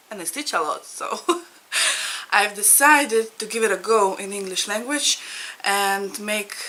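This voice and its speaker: Chatting casually to camera from her home in Ireland, a needlework vlogger in her thirties, a native Russian speaker from Latvia, laughs often and searches for words. Her mid-range voice has a sharp tone, and the audio is poor.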